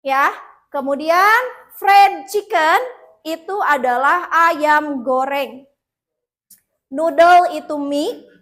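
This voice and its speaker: A woman teaching an English lesson in a classroom, mixing two languages and leading slow repeat-after-me drills. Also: sits high, a bit bright.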